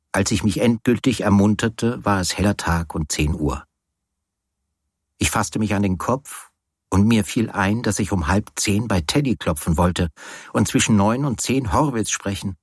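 A man narrating a novel as an audiobook in the first person, measured and wry. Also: fairly low pitch, lively intonation, breathy edge, dry recording, studio quality.

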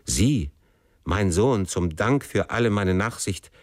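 A man voicing a gentle, frightened old male priest in an audiobook reading. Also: lowish voice, expressive, slow, dry recording, studio quality. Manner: pleading, fearful.

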